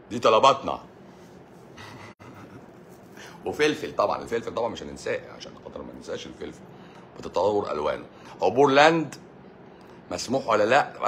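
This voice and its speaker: A man's voice: lowish voice, bright, forceful tone, a little hiss or hum. A man with an Egyptian accent, a doctor hosting a live stream who reads viewer comments aloud and answers them in a teasing, sarcastic way. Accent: Egyptian Arabic.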